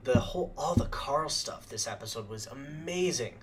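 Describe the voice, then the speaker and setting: Young man, reaction vlog host, rambling casual talk, voice fading and throat-clearing, faint hum behind. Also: mid-range voice, lively intonation, normal speed. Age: young adult. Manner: rambling, filler-heavy chatter. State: losing his voice, throat-clearing.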